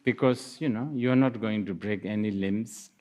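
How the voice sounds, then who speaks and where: A man gives a Buddhist dharma talk in a lecture hall, his voice lowish and darkish in tone at a normal speed. As a Buddhist teacher, he muses aloud, laughing and hesitantly restarting his sentences.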